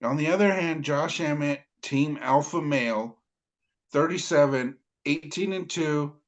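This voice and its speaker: A man's voice: a little high, unhurried. A man co-hosting a casual fight podcast, heated and emphatic, often stammering as he restarts his sentences. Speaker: podcast co-host. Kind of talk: casual MMA podcast chat.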